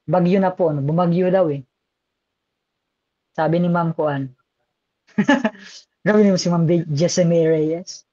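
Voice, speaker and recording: A man's voice: on the high side, a little slow, long pauses, dark tone, no room sound, dull audio. A man with a Filipino accent giving a live online exam review lecture, chatty and switching between languages as he reads out viewer comments.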